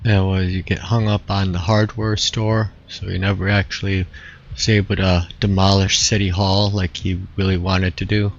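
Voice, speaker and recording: A man with a lowish voice talks casually over his gameplay in a relaxed, musing way, often circling back and restarting his thoughts. The sound is dull and lo-fi, as if from a modest home mic. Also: moderate pace, a little hiss or hum. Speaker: streamer.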